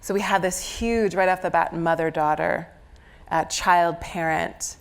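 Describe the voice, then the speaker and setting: This woman speaks a little slowly, her fairly low, smooth voice holding a steady tone. Nursing a slight head cold, she talks conversationally from a live venue's stage, walking through an astrologer's chart reading.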